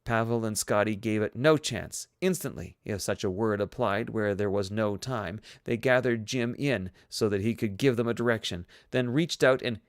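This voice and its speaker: A man reading a novel aloud as a fan audiobook narrator, steady in delivery and dropping in joking, self-aware asides now and then. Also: lowish voice, moderate pace, few pauses, dry recording, clean studio sound.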